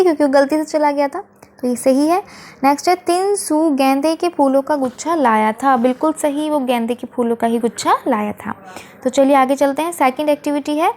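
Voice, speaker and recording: A woman with a high voice teaches children through a worksheet. She is patient, asks questions and answers them herself, and draws out each sample word with care. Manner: drawn-out, careful pronunciation of sample words. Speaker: school teacher. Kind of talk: online worksheet lesson for children.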